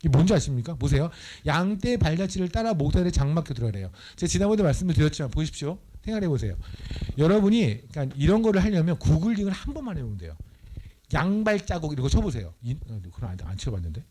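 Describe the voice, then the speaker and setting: A male missionary preaching a lively Bible study sermon in a church, playful and teasing, acting out voices as he explains scripture. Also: fairly high pitch, fast talker.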